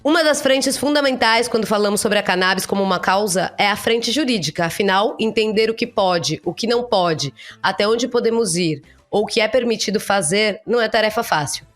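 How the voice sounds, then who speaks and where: A woman's voice: medium pitch, a little fast, few pauses, faint music behind. A woman hosting a podcast interview, greeting the audience with enthusiasm and asking eager questions. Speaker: podcast host.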